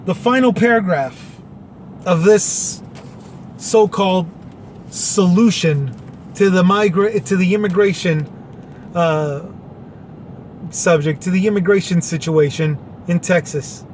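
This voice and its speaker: A man's voice: high voice, takes it slowly, long pauses, darkish tone, slight background noise. A man reading out a government order and explaining it in plain words, with a sarcastic edge. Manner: sarcastic, paraphrases in plain terms. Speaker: commentary vlogger.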